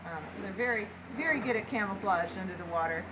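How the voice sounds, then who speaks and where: An enthusiastic woman talks casually to visitors as a zookeeper would, explaining things informally. Her pitch is average. She is recorded outdoors from a few steps away with clear background noise. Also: animated, fast. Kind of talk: informal educational talk to visitors. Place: outdoor animal enclosure yard. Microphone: camera a few steps away. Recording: noisy outdoor handheld recording.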